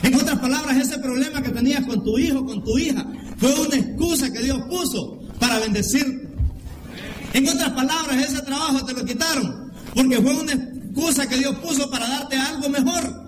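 A man pastor preaching a sermon, emphatic and repetitive, addressing the congregation directly over steady background noise. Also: very high-pitched, moderate pace.

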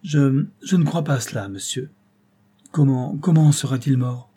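A man's voice: mid-range voice, unhurried, warm tone, breathy edge, pitched above the performer's own voice. A man reading aloud and voicing a grieving, pleading old drunken grandfather who halts and repeats words. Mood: anguished. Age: older.

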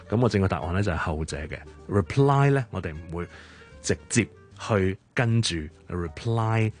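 Avuncular Hong Kong English-tips presenter. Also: male voice, low voice. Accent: Hong Kong Cantonese. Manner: avuncular, mixing Cantonese and English. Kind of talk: short radio teaching segment.

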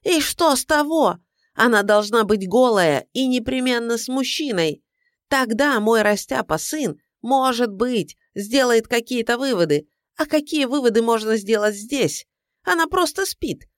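A shrill, bossy middle-aged mother-in-law, as a woman reader puts her on, her voice pitched high above the narration and swinging sharply as she scolds. She sounds indignant and scheming, pushing hard at everyone, in a close, dry audiobook reading. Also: sing-song, moderate pace, dry recording. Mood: furious. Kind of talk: audiobook character voice.

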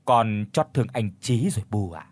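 A man voicing a spoiled, wicked young village woman in a ghost story, shrill and demanding. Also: expressive, normal speed, a little mellow, husky, dry recording. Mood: coy.

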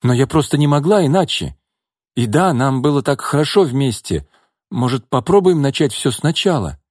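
A man voicing a desperate, pleading jilted young woman with shrill emotional outbursts in an audiobook. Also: lively intonation, moderate pace, a little mellow, no echo, studio quality, natural voice.

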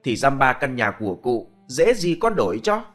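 A man's voice: medium pitch, sing-song, normal speed, a bit bright, faint music behind. Storybook figure: male narrator voicing a clever, cheeky young peasant, mocking and playful.

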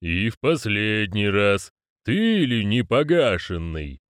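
Man doing a slow growling solemn old man. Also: on the low side, sing-song, clean tone, no room sound, studio quality. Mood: stern. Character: stern old man in a postal order, growling. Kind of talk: audiobook character reading.

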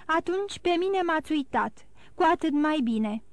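A woman reading an audiobook, voicing a gentle but resolute young man in despair, earnest and bitter. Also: high voice, lively intonation, no room sound.

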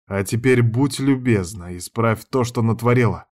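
A man reading an audiobook plays a dominant young man who gives orders in a gruff voice. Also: medium pitch, moderate pace, darkish tone, lightly acted. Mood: commanding. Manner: gruff, commanding.

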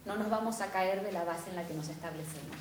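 A woman's voice: lowish voice, fast talker, a little hiss or hum. A woman with a Rioplatense Spanish accent giving a spiritual class lecture, engaging and often checking in with her students. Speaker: spiritual teacher. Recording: echoey room.

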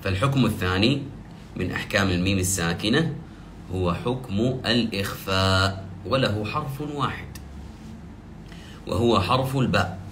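Man, tajweed teacher, low voice, patient explanation, drawn-out recited examples, faint hiss behind. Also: a bit bright. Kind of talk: tajweed lesson.

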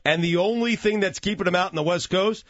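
A man's voice: high voice, quick pace, fairly bright tone, dry recording. Man in his thirties, radio host, chatty banter, dry studio, lo-fi audio. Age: 30s. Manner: chatty, reads out phone number, plugs segments. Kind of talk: casual sports radio banter.

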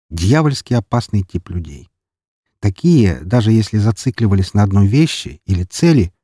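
A man narrating a first-person audiobook in a dry, even storytelling manner. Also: lowish voice, husky, dry recording.

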